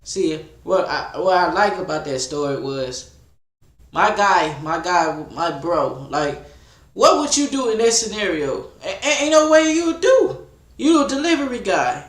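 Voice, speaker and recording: A man with a high, lively voice throws out blunt, slangy reactions as he watches a video. His voice jumps around a lot. The room gives it a noticeable echo. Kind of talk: casual reaction commentary.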